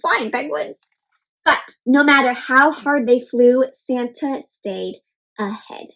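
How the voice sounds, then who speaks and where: On a rough recording, a woman with a high-sitting voice slowly reads a storybook to children, keeping it animated. She invites them in with questions and adds playful sounds and exclamations.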